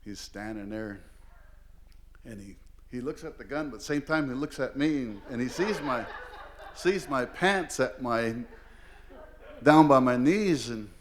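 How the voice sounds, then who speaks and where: A man's voice: mid-range voice, lively intonation, measured pace, pauses often, a little hiss or hum. Older man telling a rambling, funny story. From Oregon. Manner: rambling and humorous, heavy with fillers. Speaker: language teacher and storyteller. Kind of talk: live storytelling on stage. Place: performing arts hall, live event.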